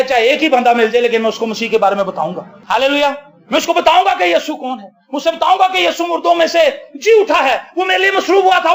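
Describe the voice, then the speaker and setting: A male pastor preaching a fiery sermon, firing off rhetorical questions and shouting at the high points. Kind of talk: impassioned sermon.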